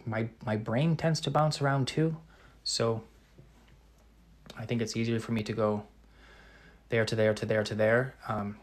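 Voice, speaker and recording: A Canadian painter in his thirties answers live-chat questions in a relaxed, casual manner, his voice on the low side. He thinks out loud with lots of ums and restarts, pronouncing some words with great precision.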